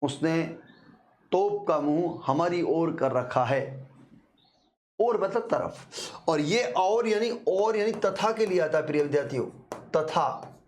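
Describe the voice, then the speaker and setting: A male teacher giving an exam-prep grammar lesson, explaining slowly, repeating key words and sounding out syllables for his students. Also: on the high side, expressive, a little mellow. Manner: addresses students repeatedly, slow deliberate explanation with repetitions; sounds out syllables to demonstrate pronunciation.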